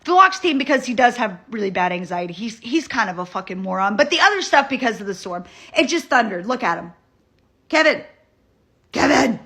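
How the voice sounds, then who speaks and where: A woman's voice: medium pitch, big pitch swings, fast, few pauses, bright, forceful tone, husky. A young woman, venting casually to her phone camera from her bedroom in a rambling, profane way. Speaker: vlogger. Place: bedroom at home.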